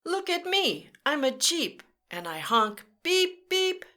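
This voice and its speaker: Her voice is extremely high, swinging widely in pitch, slow-paced, pushed and bright. As a children's storyteller at a read-aloud session, she sing-songs through a picture book straight to the kids, complete with playful vehicle sound effects.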